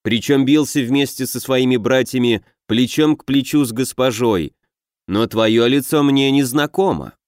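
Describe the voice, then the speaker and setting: A man voicing a weary, grim giant guard who speaks slowly and gravely in an audiobook. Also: a little mellow, dry recording, clean studio sound, natural voice. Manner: slow, rumbling, grave. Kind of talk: audiobook character voice.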